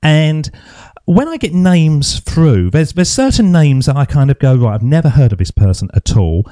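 A chatty English man hosts a podcast interview with a lively, swooping voice. His tone is mellow and soft-edged, and the sound is dry and close. He jokes easily and keeps things moving. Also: on the high side, normal speed, no room sound. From England. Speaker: podcast host. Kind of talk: casual interview chat. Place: home garden studio. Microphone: internet call recording.

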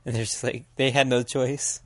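An American podcast co-host chats casually, rambling and filling his speech with "like." His medium-pitched voice stays fairly flat and moves at a normal speed, with no echo.

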